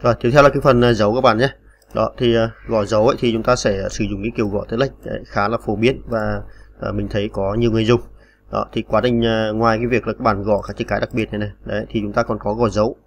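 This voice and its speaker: A man's voice: fairly low pitch, little pitch movement, fast talker. A man teaching typing on a computer in a patient, step-by-step way, with many small fillers. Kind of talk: screen-recorded typing tutorial.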